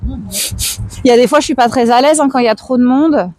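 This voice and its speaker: Hoarse, high-voiced woman livestreaming. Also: brisk, a little mellow, no echo. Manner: chatty, slangy, reads out and answers chat. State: hoarse, tired strained voice. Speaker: live streamer chatting with viewers. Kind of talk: casual chat, IRL livestream. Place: outdoors, walking through town streets.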